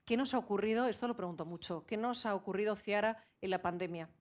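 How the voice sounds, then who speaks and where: A woman's voice: mid-range voice, fast. A woman host interviewing a guest, asking questions and murmuring agreement while listening. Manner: attentive, frequent backchannel murmurs.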